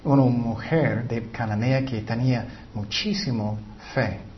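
A man's voice: mid-range voice, fairly even intonation, measured pace, muffled recording, a little hiss or hum. A man preaching a sermon in an earnest, emphatic way. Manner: earnest, emphatic, breaks into acted quotes.

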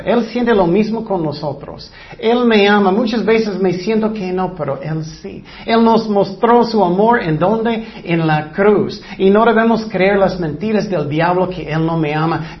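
A male pastor preaching a sermon, asking his listeners questions and answering them himself, in plain Spanish with small slips. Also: sits high. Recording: dull lo-fi sound.

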